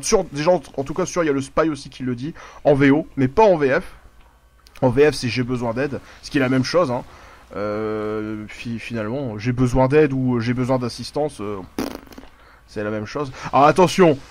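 Rambling, swearing French gamer man. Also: fairly high pitch. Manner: casual, rambling, swears a lot; breaks off mid-sentence to react to the game. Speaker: gaming YouTuber. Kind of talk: live gameplay commentary.

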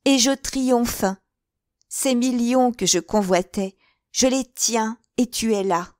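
A woman's voice: a little high, takes it slowly, darkish tone, dry recording, clean studio sound, pitched above the performer's own voice. A woman voicing feverish scheming seductress Sarah. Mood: exultant. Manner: passionate, feverish, rising to cries.

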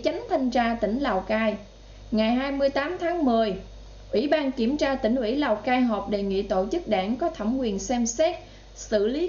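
A woman's voice: a little high, mellow. A woman with a Southern Vietnamese accent giving political commentary in a vlog, indignant and talking straight to her viewers. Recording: roomy, slightly dull sound.

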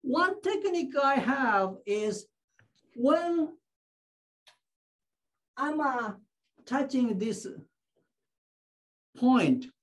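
High-voiced woman teaching very slowly. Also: sing-song. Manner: short phrases, acts out patients. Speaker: shiatsu teacher. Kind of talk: teaching through an interpreter.

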